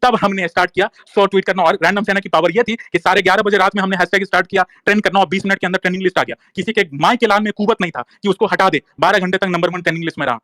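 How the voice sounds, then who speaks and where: A man's voice: high voice, rapid-fire, hardly any pauses, bright, forceful tone, dry recording. A young man from Bihar delivering an angry, profane, repetitive rant to listeners in a live audio room, defiant and heated. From Bihar, India. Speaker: online activist speaking in a live audio room. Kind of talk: angry ranting monologue.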